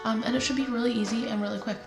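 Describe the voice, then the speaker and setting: This cooking channel host has a higher-pitched, gravelly voice and races along with fairly even intonation while music plays in the background. Nasal from a lingering head cold, she chats and rambles in a laid-back style packed with fillers. The kitchen recording is echoey, with faint background noise.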